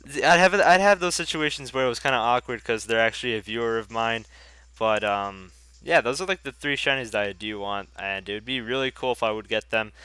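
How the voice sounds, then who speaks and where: A young man with a congested voice from a cold commentates casually on his gameplay as a gaming YouTuber, chatty, rambling and profane. His mid-range voice runs a little fast, bright, forceful and smooth, with no echo.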